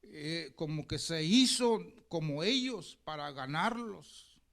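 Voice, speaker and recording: High-voiced preacher telling a story. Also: male voice, expressive, slow pace, gravelly, a bit bright. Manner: storytelling preacher who keeps addressing the congregation as brothers. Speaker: pastor. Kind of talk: sermon.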